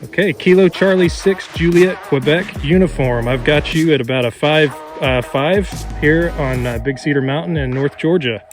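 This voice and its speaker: A man making ham radio calls outdoors on a mountain summit, reading call signs in the phonetic alphabet and giving signal reports in a steady, clipped way. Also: on the high side, moderate pace, hardly any pauses, music in the background.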